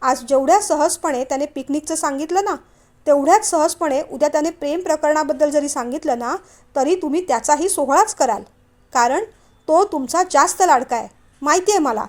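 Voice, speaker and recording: Woman doing a resentful young guy, sulky and accusing, quick when upset, high-pitched. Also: darkish tone, close to an everyday voice. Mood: bitter. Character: resentful young married man, bitter toward family.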